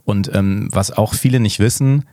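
Deep-voiced man, joking and hesitant. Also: normal speed, dark tone, no echo, studio quality. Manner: joking, hesitant, lots of ähm while searching for words. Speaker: podcast co-host. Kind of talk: casual chat.

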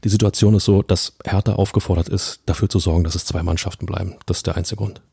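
Deep dark-voiced man talking football. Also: steady tone, quick pace, gravelly, breathy edge, dry recording, clean studio sound. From Berlin. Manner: emphatic, colloquial, addresses listeners directly. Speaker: football pundit. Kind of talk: casual football podcast chat.

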